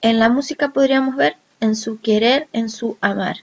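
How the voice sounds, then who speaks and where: A woman teaching a recorded lesson, speaking slowly and deliberately and drawing out example words. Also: a little high, a little mellow, dull audio. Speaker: language teacher.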